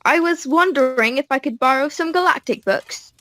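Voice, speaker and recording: A woman's voice: high voice, moderate pace, pushed and bright, no echo, pitched above the performer's own voice. A woman voicing a cheerful, polite young man with an English accent in an audiobook. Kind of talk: audiobook character voice.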